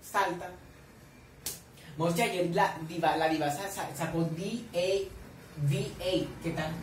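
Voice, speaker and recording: A young Colombian man chatters through a reaction video, gossipy and animated, teasing his viewers as he goes. He sits back from the mic in an echoey room, and a faint hiss runs underneath. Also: fairly high pitch, takes it slowly, recorded from a distance. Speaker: reaction vlogger. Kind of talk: casual reaction commentary. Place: at home with family nearby.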